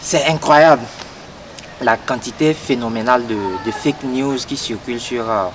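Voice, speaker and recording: A young Togolese party activist in his 20s gives an earnest political statement in an interview, often hesitating with fillers and repeated words. His voice is medium-pitched, steady, a bit bright and at normal speed, captured on a noisy outdoor street.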